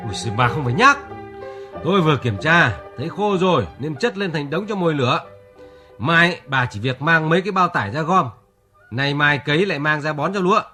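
A stubborn old village farmer. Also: male voice, a little high, expressive, brisk, sharp tone, faint music behind. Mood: bossy. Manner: dismissive, stammering. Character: stubborn self-assured older village farmer husband. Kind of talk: radio drama acting.

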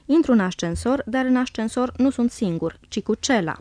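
Woman calmly reading a diary, dry sound. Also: on the high side, no room sound. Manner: calm, measured reading. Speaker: audiobook reader. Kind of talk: scripted narration of a diary.

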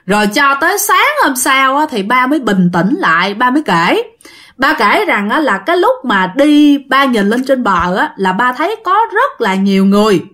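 A woman's voice: high voice, sing-song, normal speed, a bit bright. Chatty woman telling a ghost story. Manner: chatty, addresses listeners directly. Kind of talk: casual ghost story narration.

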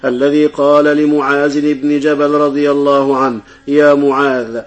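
A man's voice: fairly high pitch, little pitch movement, moderate pace. A man with an Egyptian accent, a religious law scholar, giving a formal religious address in Standard Arabic. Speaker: Islamic law professor answering questions.

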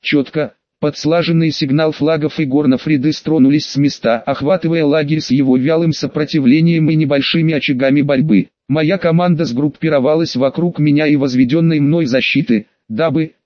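A man narrating a first-person fantasy audiobook with a steady, even storytelling delivery. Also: fairly high pitch, fairly quick, hardly any pauses, no echo, muffled recording.

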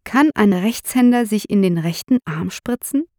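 A woman's voice: medium pitch, animated, moderate pace, warm tone, no echo, clean studio sound, close to an everyday voice. A woman reading the part of a stern middle-aged male police detective who asks firm, probing questions.

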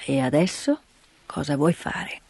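A woman voicing a grumpy old mountain grandfather who speaks curtly and gruffly in a storybook reading. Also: sits low, animated, unhurried, darkish tone, a little hiss or hum, pitched below the performer's own voice, full character voice. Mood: grumbling. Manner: curt, gruff, muttering.

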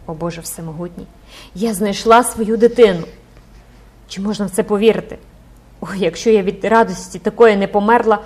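A woman's voice: mid-range voice, darkish tone, natural voice. A woman voicing an older mother, torn between tearful joy and terror, who cries out prayers to God. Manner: emotional, exclaiming prayers. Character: older grieving mother, frantic and overjoyed.

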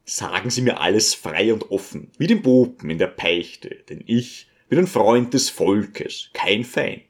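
A man voicing a smooth, scheming male visitor who talks in a coaxing, ingratiating way. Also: on the low side, lively intonation, a little slow.

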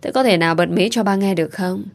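A woman voicing a gentle, loving young father who speaks softly and tenderly. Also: mid-range voice, quick pace, lightly acted. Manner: soft and tender.

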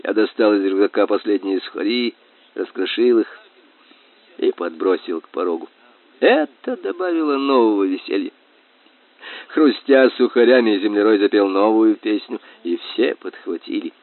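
A man narrating a children's story in an expressive, lively reading voice. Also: lowish voice, normal speed, no room sound. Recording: tinny dry phone-like sound.

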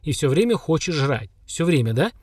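A man's voice: on the high side, big pitch swings, moderate pace, darkish tone, husky, no room sound, studio quality. A man voicing a confident young hero with an ironic, questioning, grumbling manner. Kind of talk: audiobook character voice.

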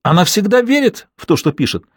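Fields: man voicing a furious betrayed husband, shouting. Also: high-pitched, very animated, fairly quick, slightly rough, no room sound, studio quality, voice pushed up, exaggerated voice. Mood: contemptuous. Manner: shouting, accusing, bitter.

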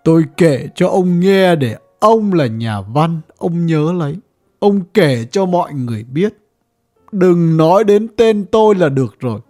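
A reader voicing a bitter old village man, a former official who rants and curses through his grief in a slow, lively audiobook character voice. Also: mid-range voice, faint music behind, close to an everyday voice. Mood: pleading. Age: older. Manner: ranting, grieving, coarse cursing.

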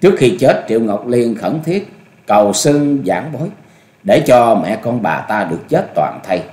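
A man voicing a restrained young male swordsman who answers slowly and quietly. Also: mid-range voice, lightly acted. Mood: calm. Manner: slow, quiet, even replies. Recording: echoey room.

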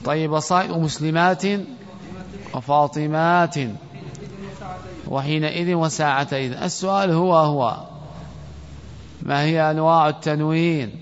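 A man's voice: on the high side, steady tone, moderate pace, pauses often. A man teaching a classroom grammar lesson, quizzing students and calling on them by name. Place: classroom or mosque hall. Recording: lo-fi recording with long hall reverb.

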